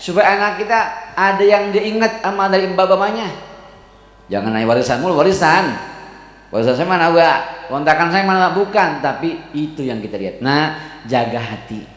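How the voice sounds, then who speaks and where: Betawi male preacher, a bit high-voiced, mixes slow Arabic recitation with folksy slang; roomy hall with long reverb. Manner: recites Arabic slowly, then explains in casual Jakarta slang. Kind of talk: mosque sermon. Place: mosque hall. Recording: echoey mosque hall.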